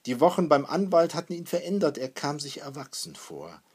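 A man narrating a novel in a measured storytelling voice. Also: on the high side, big pitch swings, a little mellow, husky. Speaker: audiobook narrator. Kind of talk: scripted narration.

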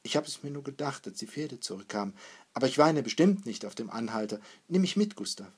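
A man's voice: medium pitch, lively intonation, brisk, slightly rough. A man reading the part of a worried, plaintive middle-aged mother. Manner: soft, plaintive.

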